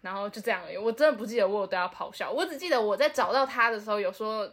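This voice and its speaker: A woman's voice: medium pitch, racing, a bit bright. A young woman with a Taiwanese Mandarin accent, co-hosting a podcast in casual chat, laughing a lot and repeating herself when she's teased. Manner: giggly, self-deflecting, repeats herself. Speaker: podcast co-host.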